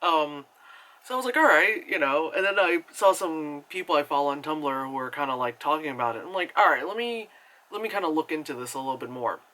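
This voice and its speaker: This young man's movie review is casual and a little fast, rambling along with plenty of "like" and "you know" fillers. A bright, forward edge marks his slightly high voice. He's animated and chatty, frequently jumping into high acted reactions.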